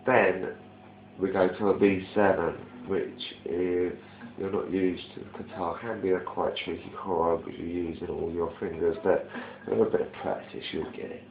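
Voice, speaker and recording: A man giving a relaxed, hesitant guitar lesson with many ums, recorded on a mobile phone in low quality. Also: normal speed, creaky, crowd noise. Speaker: guitar player teaching a song. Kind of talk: casual guitar tutorial. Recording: tinny, muffled, echoey phone recording with guitar.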